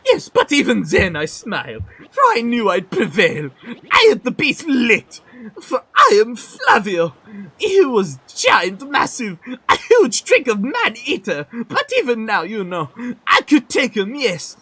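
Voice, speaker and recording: A man's voice: very high voice, huge pitch swings, unhurried, sharp tone, slightly rough, dry recording, pitched above the performer's own voice, full character voice. A man voicing a pompous, boastful male adventurer who talks in a grandiose, theatrical way.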